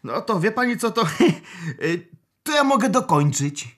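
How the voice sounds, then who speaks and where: A man's voice: high voice, big pitch swings, moderate pace, fairly bright tone, heavily acted. A man playing a hapless, stubborn, hungover office drinker in an audio drama, bewildered and stammering. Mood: bewildered, hesitant. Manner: stammering, groggy, slurred exclamations.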